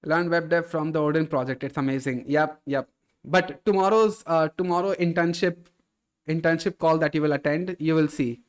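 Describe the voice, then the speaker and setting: A man hosting a casual live stream, reading viewer chat aloud and answering in a relaxed way, often calling people "bro". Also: a little high, normal speed, clean tone.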